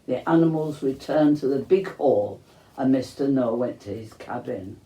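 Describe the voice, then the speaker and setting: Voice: mid-range voice, normal speed, dark tone. A storyteller reading scripted storybook narration in an echoing room. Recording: roomy, echoing sound.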